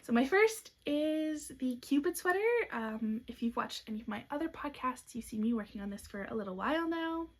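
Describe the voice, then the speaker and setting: A young woman, a knitwear designer hosting a podcast, shows off her designs in a casual show-and-tell chat while she has hiccups. Her voice is a little high and expressive, at a moderate pace with few pauses, and she's chatty and upbeat with soft asides.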